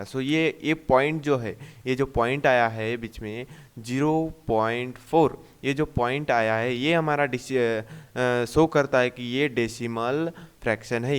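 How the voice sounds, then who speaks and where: एक पुरुष गणित शिक्षक, मराठी लहजे वाली हिंदी में, हर कदम दोहराते हुए खुद सवाल पूछकर खुद जवाब देता है और अंग्रेज़ी गिनती मिलाता है।. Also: male voice, mid-range voice, smooth. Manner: repeats steps, asks and answers himself; mixes English number words into Hindi. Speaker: math teacher. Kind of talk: classroom-style math lesson.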